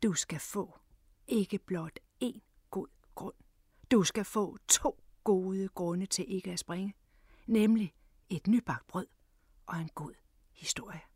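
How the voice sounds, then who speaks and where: A woman's voice: mid-range voice, a little mellow, husky, dry recording, clean studio sound, natural voice. Woman telling it as a wry, proud TV man. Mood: reassuring.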